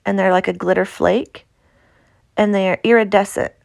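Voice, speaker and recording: A woman's voice: mid-range voice, steady tone, moderate pace, vocal fry, darkish tone, dry recording. A woman with an Appalachian accent talks through a craft tutorial in a casual, chatty, informal way. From Appalachia, United States. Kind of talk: casual instructional craft voice-over.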